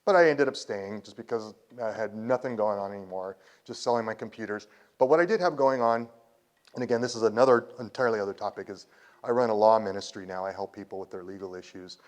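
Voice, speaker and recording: A man's voice: fairly low pitch, quick pace. Fifty-something man telling a rambling story. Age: 50s. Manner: rambling, with restarts and quoted dialogue. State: emotional at times. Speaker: conference speaker. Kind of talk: personal storytelling talk. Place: presentation hall.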